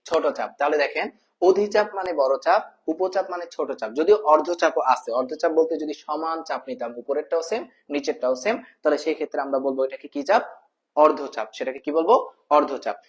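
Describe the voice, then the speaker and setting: A man's voice: a little high, fast. A man teaching a math lesson in a casual spoken way, repeating each term and asking the viewer questions, addressing them as brother. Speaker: math tutor.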